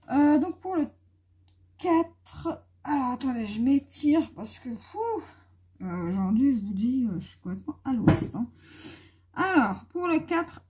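A woman's voice: a little high, warm tone, slight background noise. A woman with a young son chatting casually and rambling with many fillers while she colors at home. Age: adult with a young son. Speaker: YouTuber coloring on camera. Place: at home indoors.

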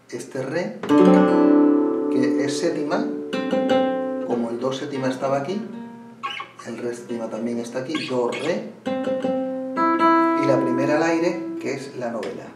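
Slow-talking man teaching guitar. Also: medium pitch. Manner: unhurried, pauses while playing, restarts phrases. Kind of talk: explaining at the guitar, speaking slowly. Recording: roomy room, mic at a distance. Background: guitar playing.

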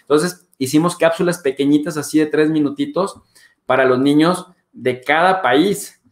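A Mexican man with a Mexican accent hosting his show, talking in a chatty, animated way with playful swearing. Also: a little high, normal speed, reverberant. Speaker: host. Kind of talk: animated casual monologue.

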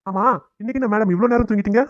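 A man's voice: high-pitched, racing, a little mellow, no room sound, lo-fi sound, lightly acted. A man voicing a teasing, dismissive middle-aged husband in a cartoon family drama. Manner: dry, mocking.

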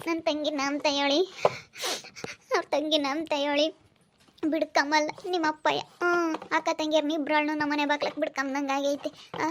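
A woman's voice: high-pitched, a bit bright, slight background noise. A woman playing a chatty village mother who gossips and lectures. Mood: reproachful. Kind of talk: village family drama acting.

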